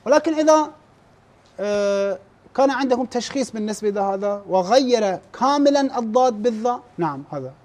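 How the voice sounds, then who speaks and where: Speaking with lively intonation and a slightly mellow, very high-pitched voice, a male teacher walks a class through how recitation errors are graded. He keeps the explanation plain, slows down to model recited verses, and often clears his throat or restarts words.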